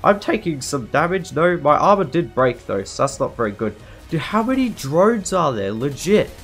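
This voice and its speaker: A man narrating his own gameplay as it happens, in a voice sitting a little higher than most men's. He talks in a frantic, anxious rush and keeps repeating the same words. A faint bed of music plays behind him. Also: very animated, normal speed, fairly bright tone. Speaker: gaming video creator. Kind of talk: live gameplay commentary.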